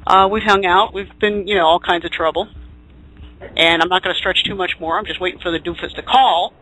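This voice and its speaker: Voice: medium pitch, fairly even intonation, brisk, bright, forceful tone, faint music behind, poor audio. A host of a live group talk show, chatting and introducing people with a showman's flourish.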